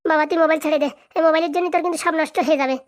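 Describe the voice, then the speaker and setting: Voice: sits high, fairly even intonation, very fast, lightly acted. A voice actor playing a worried village mother who pleads and frets over her son. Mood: pleading. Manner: anxious, pleading. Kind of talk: comic cartoon voice acting.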